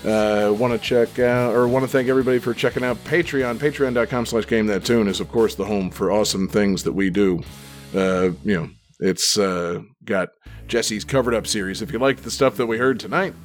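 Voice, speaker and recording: A man's voice: fairly low pitch, fairly even intonation, normal speed, soft background music. A man hosting a live game show podcast, joking around in casual chat with plenty of fillers. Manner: joking, laid-back, many fillers. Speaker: podcast host.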